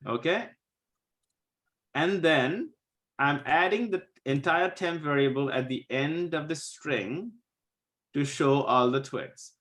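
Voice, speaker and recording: A man's voice: on the high side, a bit bright. Patient man teaching a live coding class. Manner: patient, walks students through code step by step. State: losing his voice, coughing. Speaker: coding instructor.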